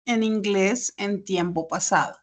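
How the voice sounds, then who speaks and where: Slow, patient woman teacher. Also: medium pitch. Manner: patient, explains step by step with examples. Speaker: English teacher. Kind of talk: online class explanation. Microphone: computer mic on a video call.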